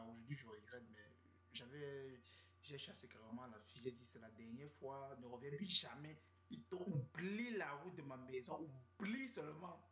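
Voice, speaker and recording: A man's voice: medium pitch, a bit bright, a little hiss or hum. Cameroonian man telling a rambling comic story. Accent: Cameroonian French. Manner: rambling, slangy, repetitive. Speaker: comedian storyteller. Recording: roomy, dull lo-fi sound.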